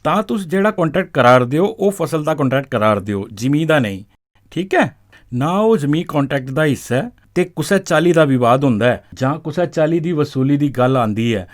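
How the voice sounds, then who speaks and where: A farm-law expert with a Dogri accent instructs farmers in an educational film, speaking in a fairly high, natural voice. He keeps things conversational and teacherly, often seeking confirmation with short check questions.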